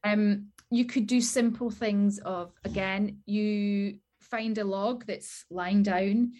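A woman's voice: medium pitch, steady tone, takes it slowly, a little mellow. Woman trainer explaining in plain terms. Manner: practical, explanatory, many fillers like "like" and "um". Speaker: dog trainer guest. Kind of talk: casual chat, giving advice.

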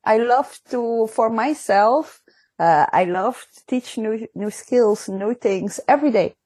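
A woman guest, a dog dancing champion, answering interview questions in halting non-native English, often searching for words. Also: on the high side, a little mellow, slightly rough, dry recording.

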